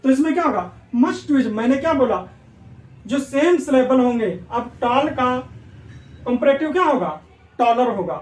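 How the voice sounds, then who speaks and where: Recorded from a distance in an echoey room, this male grammar teacher has a very high, slightly mellow voice and an animated delivery at a slightly slow pace. In his exam-prep classroom lecture, he repeats points and asks students questions only to answer them himself.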